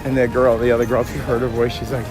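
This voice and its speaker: Walking outdoors through a busy theme park, a man hosts a casual livestream, chatting with viewers and passersby. His mid-range voice is raspy and hoarse from concert yelling, level in tone, and he talks fast. Behind him are music, park sounds, and vehicle noise.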